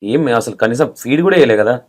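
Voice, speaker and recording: A man's voice: mid-range voice, animated, fairly quick, darkish tone. A man, bluntly pressing and scolding his interview guest with pointed questions. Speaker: interview anchor.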